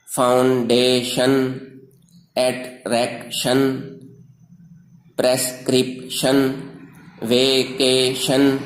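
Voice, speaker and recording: A man teaching English rhyming words, reading word lists slowly and drawing out each word. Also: medium pitch, echoey room, a little hiss or hum, low-quality recording. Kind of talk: slow recorded grammar lecture.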